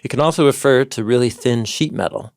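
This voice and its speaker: A Bible teacher co-hosting an explanatory podcast talks briskly and eagerly, drawing on ancient sources like a scholar. His voice is average in pitch with a gravelly creak. The studio recording is close and dry, with no echo.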